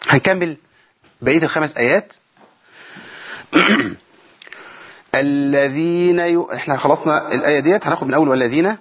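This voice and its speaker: A man with an Egyptian accent teaches recitation rules on a studio broadcast. His voice sits a little high, and he keeps asking rhetorical questions to his listeners. The sound is dull and lo-fi, with little clarity in the top end. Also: fast, pauses often, husky. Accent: Egyptian Arabic. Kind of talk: broadcast tajweed lesson.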